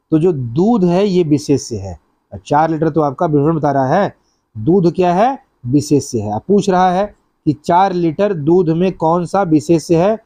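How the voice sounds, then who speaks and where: A man's voice: on the high side, mellow, dry recording. A man teaching an exam-prep class, going through practice questions step by step and repeating each answer.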